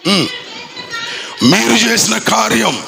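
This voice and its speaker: A male pastor delivers a fervent sermon, hammering on repeated rhetorical questions and stretching some lines into a chant. His voice sits high and carries a gravelly edge. The tone is strikingly sharp, with faint traffic in the background. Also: very animated, slow pace, low-quality recording. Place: church anniversary gathering in a village.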